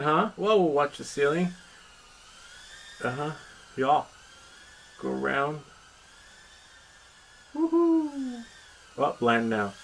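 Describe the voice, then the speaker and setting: A man's fairly high, gravelly, slightly bright voice carries his casual commentary for an indoor hobby how-to vlog, recorded in a house with constant background noise. He rambles, mutters to himself, and jokes playfully at his own expense.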